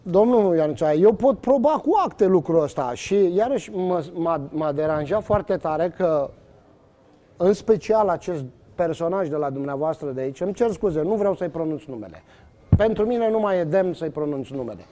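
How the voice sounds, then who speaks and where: A man with a rather high, soft-toned voice. He talks as an interview guest, pressing his points and acting out the conversations he retells. He uses many fillers and restarts. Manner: animated, many fillers and restarts, acts out quoted exchanges. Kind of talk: emphatic storytelling in conversation.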